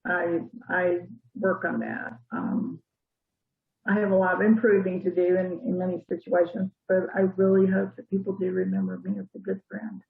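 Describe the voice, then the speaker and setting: A woman from Arkansas telling stories from her life in an interview, in a thoughtful, unhurried way. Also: lowish voice, creaky. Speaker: interviewee, church member. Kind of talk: casual storytelling interview. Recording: tinny phone-like line.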